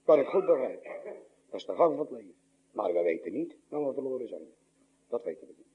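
Older male pastor, husky voice, lively rising and falling pitch, dramatic sermon delivery, dull lo-fi recording. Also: quick pace, a little hiss or hum. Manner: dramatic preaching, swinging between loud high cries and low hushed lines.

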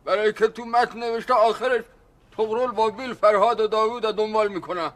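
A high, bright male voice of a pig-headed caretaker in a sitcom. He argues his point stubbornly and won't back down. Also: steady tone. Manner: stubborn, insistent. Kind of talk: sitcom acting.

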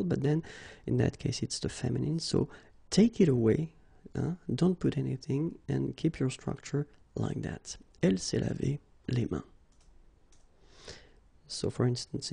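This man speaks French as his first language and has a French accent. His medium-pitched voice is creaky and dark with a breathy edge, and he teaches a grammar lesson patiently and explanatorily, saying "okay" often.

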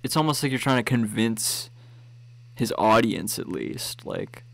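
A man's voice: lowish voice, very animated, a little slow, vocal fry, no room sound. A man in casual conversation on a call, talking loosely with many fillers and frequent giggles. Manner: chatty, filler-heavy, giggles. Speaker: stream host.

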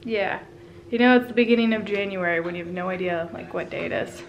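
A woman's voice: mid-range voice, fast talker, highs cut off, slight background noise. A woman in her twenties chatting casually and self-mockingly to her handheld camera in a hotel room. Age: 20s. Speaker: vlogger. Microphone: handheld camera at arm's length.

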